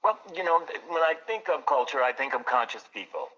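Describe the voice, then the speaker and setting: Man talking about his art gallery, bright tense voice, earnest, repeats himself, kinda muffled lo-fi audio. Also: medium pitch, expressive, brisk. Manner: earnest, repeats words as he talks. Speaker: art gallery owner, guest. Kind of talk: casual interview.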